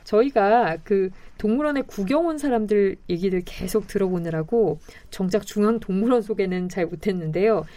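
A woman's voice: medium pitch, moderate pace, few pauses, mellow. A woman hosting a radio show, asking questions and linking segments in a conversational style. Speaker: radio host.

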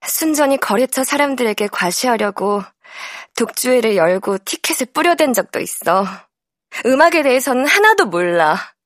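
A woman voicing a tipsy, dazed older sister, a pianist, in a slow and dreamy audiobook monologue. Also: on the high side, fairly bright tone, no echo, voice pushed up. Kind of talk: audiobook character voice. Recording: dry studio.

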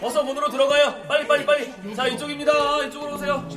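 A man's voice: extremely high pitch, steady tone, quick pace. A man voicing a brusque adult male usher who hurries the dead along with impatient orders. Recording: echoey room with music behind.

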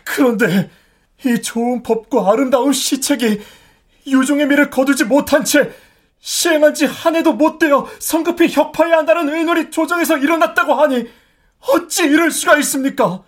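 A woman's voice: sits high, normal speed, natural voice. A woman playing a desperate peasant petitioner in a historical Korean radio drama, pleading deferentially and emphatically with bitter anguish. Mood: anguished protest.

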